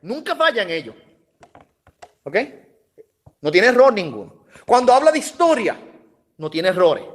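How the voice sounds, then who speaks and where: Man, high voice, church Bible teacher, conversational, restarts phrases, checks in with listeners. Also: very animated, unhurried, pauses often. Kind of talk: church doctrine class.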